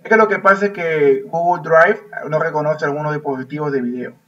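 Male English teacher, patient and repetitive, slightly high voice, muffled distant sound. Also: fairly quick, a bit bright. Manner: repetitive, coaxing, laughs often. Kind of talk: online class teaching, mixing Spanish and English. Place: online video class.

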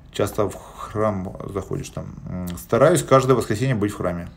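In a lowish, gravelly voice, a man in his forties chats on a live stream from a small indoor space. His replies to viewer questions are plain and blunt, peppered with hesitations. A phone held at arm's length records him, leaving a slight hiss or hum.

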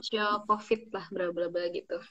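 A young woman talking as a guest in a casual interview, chatty and animated, pausing with fillers as she thinks. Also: on the low side. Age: young adult. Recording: dull lo-fi recording.

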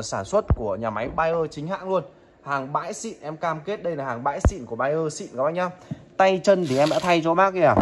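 A man demonstrating audio equipment in a chatty sales pitch, often checking in with viewers. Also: a little hiss or hum. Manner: chatty, addresses viewers as "các bác", frequent "được chưa?". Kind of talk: product demo sales pitch.

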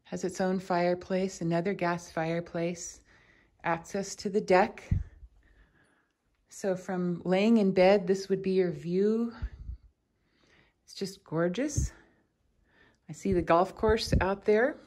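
Her voice is lowish and darkish with fairly even intonation, and she speaks slowly with frequent pauses. She's a real estate agent giving a casual, unscripted walkthrough of a house, chatty and thinking aloud as she moves from room to room. She holds the handheld camera or phone herself, and the recording is clearly noisy.

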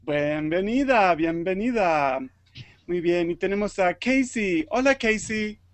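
A man's voice: high voice, expressive, slow, no room sound. A man from Argentina with an Argentine Spanish accent, teaching an online group lesson and patiently repeating words for learners.

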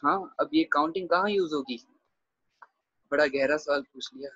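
Guy teaching a grammar class online, kinda high voice, dull dry call audio, keeps checking everyone's following. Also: moderate pace, a bit bright, no echo. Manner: explains patiently, checks with frequent "theek hai". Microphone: video call.

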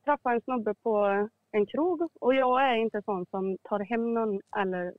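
Male listener caller, high-pitched, dry sound, animated quoting. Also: no echo, phone-quality sound. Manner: laughs often while telling, animated quoting. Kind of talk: casual storytelling.

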